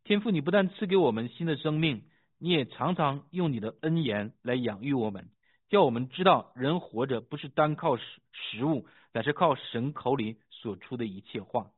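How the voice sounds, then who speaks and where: A man pastor reading scripture, praying and preaching with fervent emphasis, pausing with fillers as he talks. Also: medium pitch, animated, husky. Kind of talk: sermon with scripture reading and prayer. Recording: tinny phone-like sound.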